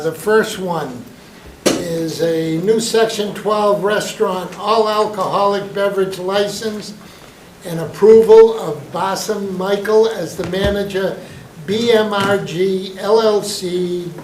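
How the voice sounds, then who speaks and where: A man chairing a town council meeting, running motions and votes in a brisk, genial procedural way. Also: high voice. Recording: echoey council chamber with background noise.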